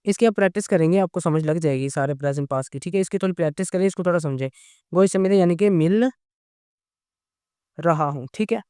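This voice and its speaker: A man's voice: sits high, fast talker, mellow, smooth, dry recording, studio quality. A man teaching a grammar lesson, explaining patiently and checking in with "okay?" after nearly every point. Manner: patient, repeats "okay?" often. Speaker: language teacher.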